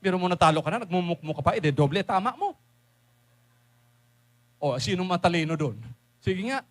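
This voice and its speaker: A high-pitched man preaching with a Filipino accent. He delivers a lively sermon, dropping to quiet, confiding asides and then bursting out loud, and he mixes English phrases in as he goes. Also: a little fast. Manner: animated, swings from hushed asides to loud exclamations, mixes English into Tagalog.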